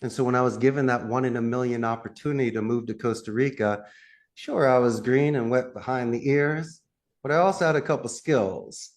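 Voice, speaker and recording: A call center CEO with a Philadelphia accent answers interview questions a little fast. He's animated and emphatic, his pitch swinging lively and his answers broken up by frequent laughter.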